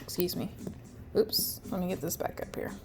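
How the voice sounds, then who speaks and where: Heavy background noise surrounds this congested woman as she talks through a casual screen-share craft tutorial at a normal speed. Her voice runs on the low side, and her step-by-step explanations are full of ums.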